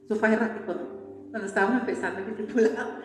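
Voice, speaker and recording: Speaking fast in a steady, medium-pitched voice, a Colombian woman preacher fires repeated rhetorical questions at her congregation during a sermon. Soft music plays behind her, and the church hall gives the recording a long, echoing reverb.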